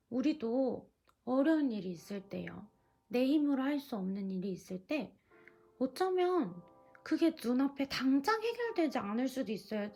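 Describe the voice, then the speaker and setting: High-voiced woman teaching young children. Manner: lively, coaxing teacher talk to young children; soft, hushed prayer voice. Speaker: children's ministry evangelist. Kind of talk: children's devotional lesson and prayer.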